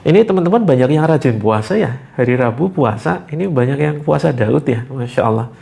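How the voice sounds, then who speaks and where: Male coach, gravelly, mid pitch; gently instructs viewers on a livestream, light humour. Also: expressive, fairly quick. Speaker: therapy coach hosting a live session. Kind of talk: guiding a live spiritual therapy session.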